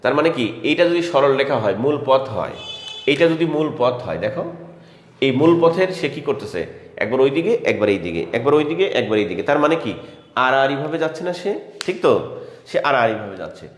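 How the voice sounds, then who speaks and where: Fast-talking male teacher in an echoey hall. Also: mid-range voice, sing-song. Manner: asks questions and answers them himself; addresses students by name, repeats key terms. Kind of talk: classroom lecture for exam prep. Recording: roomy hall echo with faint ambience.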